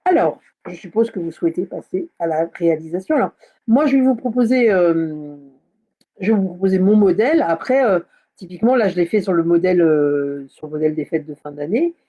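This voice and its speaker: A woman's voice: on the low side, expressive, brisk. A woman hosting a casual live craft tutorial, chatting with many fillers and hesitations. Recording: slightly dull lo-fi sound.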